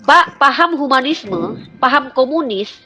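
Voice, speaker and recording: A woman's voice: high-pitched, animated, unhurried, sharp tone, soft background music. A middle-aged woman arguing in a heated religious debate, insistent and rhetorical, often pressing her opponent with pointed questions.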